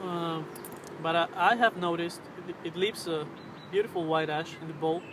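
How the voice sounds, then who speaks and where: A vlogger in his twenties talks casually in a slightly high, fairly monotone voice, hesitating, pausing, and searching for words. He is outdoors on a riverbank under a road bridge, recorded on a camera's built-in mic held at arm's length, with clear traffic and ambient noise behind him.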